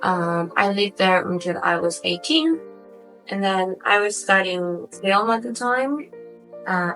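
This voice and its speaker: Chatting casually for her personal vlog, this Argentine woman in her twenties from Buenos Aires speaks native Spanish with an Argentine accent. Her voice is fairly low and a bit bright, and the recording quality is low.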